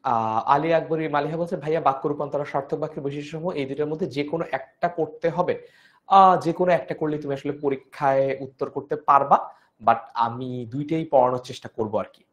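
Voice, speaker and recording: A young man with a Bangladeshi Bengali accent teaches a live online grammar class; his throat is strained and he explains patiently, repeating key points and checking in with "okay?". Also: medium pitch. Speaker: online tutor.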